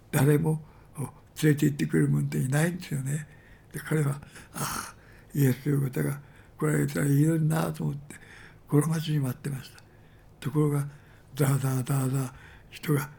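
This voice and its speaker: A man's voice: a little high, gravelly, dark tone, husky. A man preaching a sermon, retelling Bible stories with many fillers and emphatic repetitions. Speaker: pastor.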